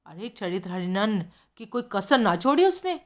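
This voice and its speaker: A woman's voice: mid-range voice, sing-song, measured pace. A woman voicing a blunt, streetwise middle-aged male informant who tells gossip in slangy speech. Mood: gossipy.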